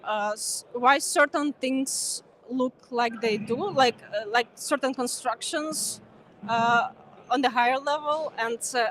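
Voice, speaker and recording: A young woman with a high-pitched voice is a guest being interviewed at a bustling conference. Ukrainian is her first language, and she sounds relaxed but hesitant, pausing often on "uh" fillers and laughing lightly.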